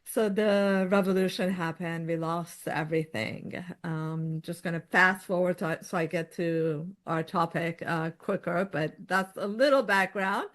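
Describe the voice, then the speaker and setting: A middle-aged woman from Iran, a guest in an interview, talking in a lively way and often laughing as she tells her story. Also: lowish voice, a little slow, hardly any pauses. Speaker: podcast guest. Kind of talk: conversational interview.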